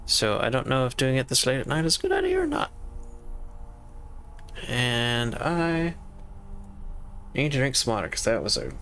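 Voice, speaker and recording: A man's voice: mid-range voice, huge pitch swings, moderate pace, creaky, pauses often, fairly bright tone, faint music behind. A man chatting casually to himself as he streams a game, rambling about his inventory and stream problems. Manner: rambling, talks to himself while playing. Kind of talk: casual gameplay commentary.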